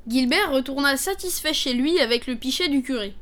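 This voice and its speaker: A woman with a high, light voice reads a fable aloud, telling the tale in a steady, clear way. Her delivery is measured, like a storyteller reading to listeners. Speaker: narrator.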